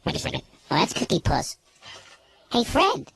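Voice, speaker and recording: Cookie Puss, a man doing a pitch-shifted cake voice. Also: wildly swooping pitch, normal speed, creaky, a bit bright, husky, heavily acted. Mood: teasing. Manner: teasing, needling, mock-innocent. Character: cheeky talking ice cream cake, sexless squeaky mascot. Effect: pitch-shifted voice effect. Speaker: radio host. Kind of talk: radio comedy bit.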